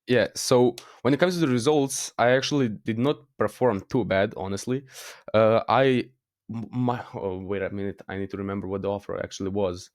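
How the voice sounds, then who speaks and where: A man's voice: fairly low pitch, moderate pace, no room sound, clean studio sound. A teenage man with a Croatian accent, a guest in a casual interview, talking hesitantly with many fillers and restarts. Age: teens. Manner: hesitant, frequent fillers and restarts, laughs at himself.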